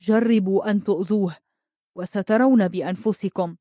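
A woman voicing a proud, blind young man who speaks steadily and with quiet menace. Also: mid-range voice, moderate pace, no room sound, clean studio sound, lightly acted. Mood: firm, defiant.

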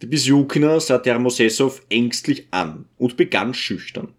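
A man reading a novel aloud as scripted narration, in a measured, steady way. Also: mid-range voice. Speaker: audiobook reader.

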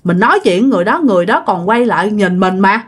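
A woman's voice: medium pitch, lively intonation, fast talker, slightly rough. Woman voicing a fretful young village wife. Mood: frightened. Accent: Southern Vietnamese. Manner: pleading, fretful questions. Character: startled young village wife, sleepy, then frightened.

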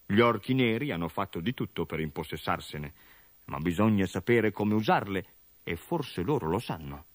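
A man's voice: lowish voice, lively intonation, moderate pace, no echo. A man doing a grave orc doctor-wizard.

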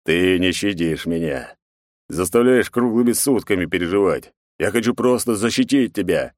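A man voicing a gruff, commanding middle-aged emperor and father in an audiobook. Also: low voice, lively intonation, moderate pace, dry recording, studio quality. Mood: weary.

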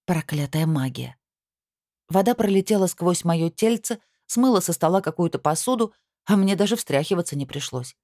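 A woman reads a first-person story aloud in a low, deep voice, with lively, wry storytelling. The sound is dry and close, with no room around it. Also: normal speed, dry recording. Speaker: audiobook narrator. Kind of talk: first-person scripted narration.

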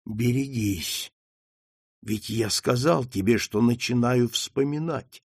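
A man reading an audiobook, voicing a frail, confused old marquis who speaks slowly in a hushed, trembling voice. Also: mid-range voice, lively intonation, creaky, slightly rough, no echo, studio quality, exaggerated voice. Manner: slow, hushed, trembling speech.

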